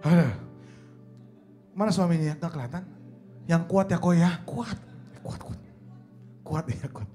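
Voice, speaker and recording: Male guest speaker with a high voice, playing a funny church talk for laughs, faint music underneath. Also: a little slow, pauses often, warm tone. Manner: joking storyteller who addresses the crowd as "Saudara". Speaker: guest speaker, singing coach. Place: church hall.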